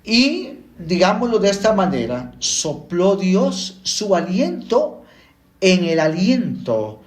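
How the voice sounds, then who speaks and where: A man teaching the Bible slowly and deliberately, explaining word by word. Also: high-pitched, very animated, echoey room.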